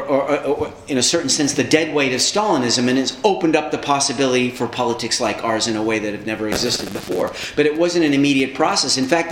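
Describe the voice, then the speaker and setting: A man's voice: mid-range voice, slight background noise. A man telling stories about his years of political organizing in a conversational way, now and then acting out the people he met. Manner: animated, acts out quoted people. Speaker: socialist activist recounting past organizing. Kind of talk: conversational storytelling. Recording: echoey room, faint background ambience.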